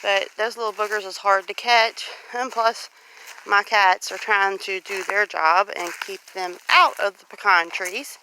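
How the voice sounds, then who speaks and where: With a steady, sharp, mid-range voice, a Louisiana woman speaks unhurriedly in a Southern accent, folksy and chatty as she walks and explains. She's a homestead vlogger filming a casual walk-and-talk vlog outside on a rural homestead. Audio is poor, captured on a handheld phone with faint outdoor noise.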